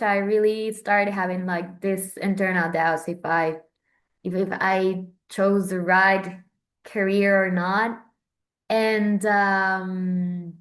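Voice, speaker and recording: A chatty young woman in her 20s from Central America, working as a Vatican correspondent, talks casually and informally. Her voice is mid-range, and her speech is full of fillers and restarts.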